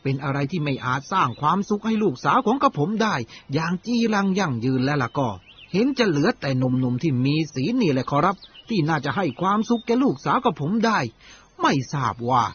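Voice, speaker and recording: A man's voice: a little high, expressive, a little fast, a bit bright, slight background noise. A man playing an earnest old brahmin father in a dramatised story, speaking politely and formally to his teacher. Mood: respectful, pondering. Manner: polite, deferential, old-fashioned formal speech. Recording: dull lo-fi audio with clear music behind.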